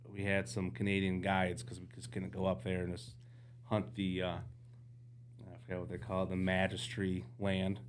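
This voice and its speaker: Low-voiced man telling hunting stories. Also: a little hiss or hum. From United States. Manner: animated storyteller, jumps into quoted voices. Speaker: podcast guest, outdoorsman. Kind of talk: casual storytelling chat.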